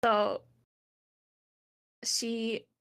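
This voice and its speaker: A woman's voice: on the high side, completely flat delivery, drawn-out words, fairly bright tone, clear, resonant tone. A woman talking casually as a player in a tabletop game, telling what her character thinks and does. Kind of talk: casual chat and in-game storytelling.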